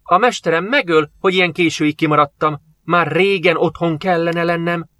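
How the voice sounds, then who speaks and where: A man's voice: a little high, animated, pushed and bright, voice pushed up. A man reading an audiobook, voicing a timid young slave boy who sounds anxious and pleading. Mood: fretful.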